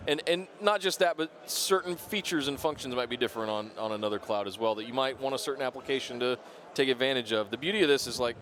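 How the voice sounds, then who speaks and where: A man's voice: mid-range voice, fast talker, fairly bright tone. A man hosting a live-stream interview in a chatty, informal, casual way. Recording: noisy busy event floor background.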